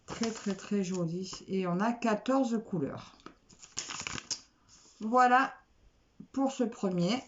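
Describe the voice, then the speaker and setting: Slow-talking woman chatting through an unboxing. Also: medium pitch. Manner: chatty, repeats words, many "alors" fillers. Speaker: craft vlogger. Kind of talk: casual unboxing chat. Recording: dull lo-fi recording with faint noise.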